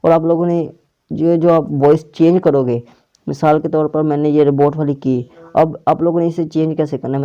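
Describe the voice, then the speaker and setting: A man with a warm, higher-pitched voice hosts a relaxed app tutorial, going step by step and frequently restating his instructions. The clip-on or plugged-in microphone gives a dull, muffled, lo-fi sound.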